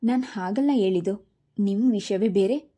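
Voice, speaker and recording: A woman's voice: mid-range voice, normal speed, dark tone, natural voice. A woman reading the lines of a teasing young man who talks dramatically and exaggerates.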